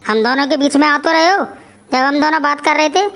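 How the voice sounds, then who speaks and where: A woman's voice: high voice, brisk, a bit bright. A woman voicing a bossy, demanding wife who scolds her husband in a cartoon. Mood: scolding.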